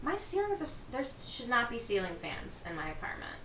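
Woman, podcast co-host, giggly casual chat, higher voice, distant from mic, echoey room. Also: fairly quick. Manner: giggly, animated. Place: friend's home indoors. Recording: roomy and distant with faint noise.

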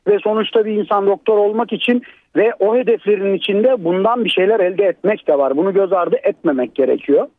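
A man phones in to a radio talk show and gives his view over a landline phone, measured and pausing often. His voice is a touch high and comes through narrow and tinny. It sounds completely dry. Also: no echo. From Turkey. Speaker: radio call-in listener. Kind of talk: casual call-in comment.

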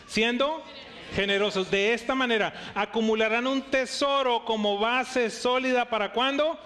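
A man's voice: high-pitched, sharp tone. A middle-aged male pastor preaching a sermon, emphatic, asking the church rhetorical questions.

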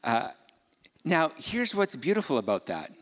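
A man's voice: fairly high pitch, sing-song, measured pace. A man preaching a sermon in a conversational way, asking his listeners questions and adding casual asides. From Ukraine. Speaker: pastor. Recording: long hall reverb.

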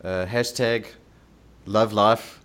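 A man's voice: lowish voice, fairly even intonation, slow, fairly bright tone, clean tone. A man hosting a casual podcast interview, playful and laughing often as he asks questions. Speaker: podcast host.

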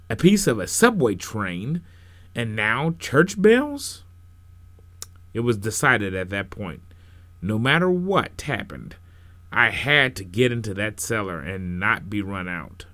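A man narrating a first-person story in an unhurried, expressive storytelling manner. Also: fairly low pitch, no room sound.

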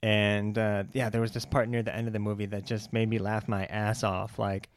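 A young man co-hosting a casual film chat, relaxed and talkative with many fillers and easy laughter. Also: on the low side, normal speed, a little hiss or hum. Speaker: podcast co-host.

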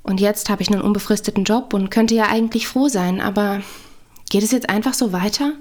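A woman's voice: high-pitched, moderate pace, darkish tone, voice pushed up, close to an everyday voice. A woman voicing a melancholy young woman who questions the meaning of her life in a read-aloud dialogue. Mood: unsure. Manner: wistful, questioning.

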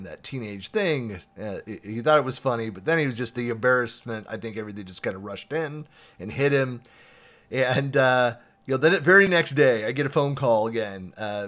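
A man's voice: medium pitch, a bit bright. A middle-aged male podcast host spinning a personal anecdote. He talks in a loose, conversational way, full of little fillers. Now and then he chuckles as he lets the story build.

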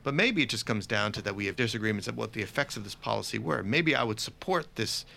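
Man, measured explainer, low voice, gravelly, faint background hiss. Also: expressive, bright, forceful tone. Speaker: philosopher, podcast co-host. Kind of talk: conversational philosophy discussion.

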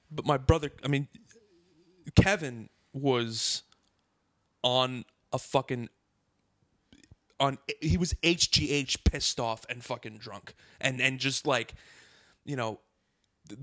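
A man on a casual podcast, telling a story with lots of profanity, restarts and fast asides. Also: mid-range voice, a bit bright, dry recording. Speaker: podcast co-host. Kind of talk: casual chat.

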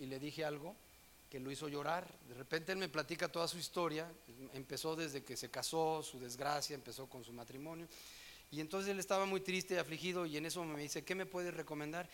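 A fairly high-voiced man preaching to a congregation in a church hall. He tells anecdotes with lively swings, dropping low to read scripture and rising loud for the punch lines. A faint hiss sits under the recording. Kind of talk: sermon.

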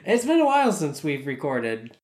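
Man, gravelly edge from a fading cold, casual educational podcast host, hollow bare-room echo. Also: fairly high pitch, wildly swooping pitch, normal speed, a little mellow. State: getting over a cold. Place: cold whitewashed makeshift studio room.

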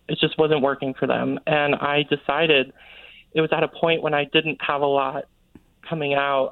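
Over a tinny, narrow line that resembles a phone call, a Connecticut man, an American guest author, gives a relaxed interview sprinkled with lots of "like." His voice runs on the high side, and the recording is dry.

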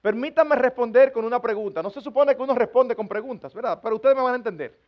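A man's voice: extremely high pitch, quick pace, dull audio. A man, a pastor, preaching an earnest sermon to his congregation and acting out everyday family scenes with humor. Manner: earnest, acts out parents scolding children with humor.

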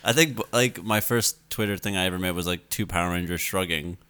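A man's voice: low-pitched, fairly quick, pushed and bright, smooth. A young man co-hosting a casual podcast chat, rambling and self-mocking, laughing often. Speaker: podcast co-host.

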